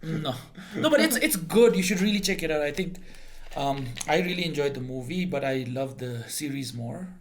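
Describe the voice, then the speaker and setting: A man's voice: fairly high pitch, lively intonation, normal speed, hardly any pauses, slight background noise. A young man co-hosting a casual podcast, rambling through stories with frequent restarts and laughs. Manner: rambling storyteller, laughs mid-sentence, restarts often. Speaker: podcast co-host. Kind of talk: casual chat.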